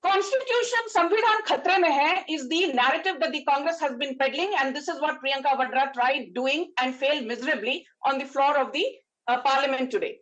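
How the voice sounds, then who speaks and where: A woman's voice: sits high, fast, hardly any pauses, fairly bright tone, dull audio. A woman with an Indian accent arguing combatively as a political spokesperson, emphatic and repetitive, slipping Hindi into English. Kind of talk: combative TV debate argument.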